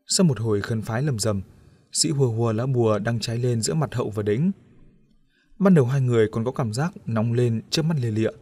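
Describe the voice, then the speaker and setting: Guy reading an audiobook story, steady and even, medium pitch, dry close mic. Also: a little fast, no room sound. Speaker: audiobook narrator. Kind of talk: storytelling narration.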